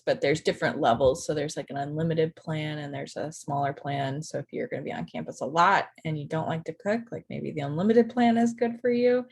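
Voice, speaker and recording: A woman's voice: low-pitched, gravelly, darkish tone, breathy edge. A woman presenter talking casually about student housing on a video call, chatty with lots of fillers. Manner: chatty, lots of likes and ums. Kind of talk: casual workshop talk.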